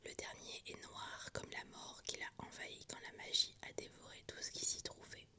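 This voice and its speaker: Woman whispering softly in ASMR library hush. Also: normal speed. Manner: soft, hushed, unvoiced whispering throughout. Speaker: book vlogger presenting a reading list. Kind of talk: ASMR whisper, library-like hushed book presentation.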